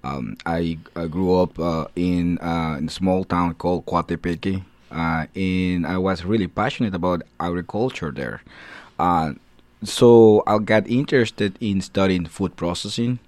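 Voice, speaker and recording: A Guatemalan assistant professor in his thirties, deep-voiced and with plain English, is a guest on a radio interview. He answers hesitantly, filling gaps with many filler sounds. His pace is a little slow, his tone a little mellow, and the recording is dry with no surrounding room.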